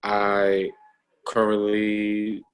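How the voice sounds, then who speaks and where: A man's voice: lowish voice, monotone, drawn-out words, clear, resonant tone, poor audio. A man in his thirties, a guest talking casually over a video call, hesitant, with many ums and restarts. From United States. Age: 30s.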